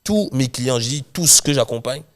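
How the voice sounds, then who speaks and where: A young man from Cameroon, a guest chatting casually in an interview, talking in quick run-on restarts. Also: mid-range voice, lively intonation. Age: young adult. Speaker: guest, real estate investor and coach.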